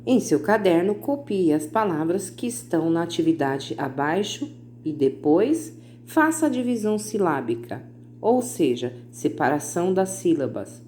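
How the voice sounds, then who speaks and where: A woman teacher recording a video lesson for children, with patient explanations and slowly stretched-out example words. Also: on the low side, big pitch swings, warm tone, slight background noise.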